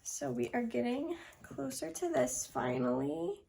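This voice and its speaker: A woman's voice: high-pitched, measured pace, vocal fry, warm tone, slight background noise. A young woman, slightly out of breath, narrating a task casually and counting amounts aloud step by step. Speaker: budgeting video host.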